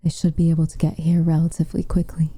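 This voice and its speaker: In an intimate, scripted ASMR roleplay, a woman acts as a tender, protective witch with a dry teasing streak, sounding concerned. Her soft, breathy, near-whispered voice sits low and stays monotone, gentle, measured and quietly teasing. She is close to a dry studio mic.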